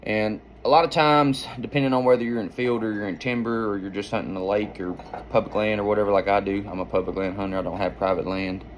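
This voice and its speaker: A man's voice: lowish voice, steady tone, fast talker, a little hiss or hum. A man giving an informal hands-on lesson as a hunting instructor, explaining in a folksy, rambling way. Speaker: duck-calling instructor and hunter.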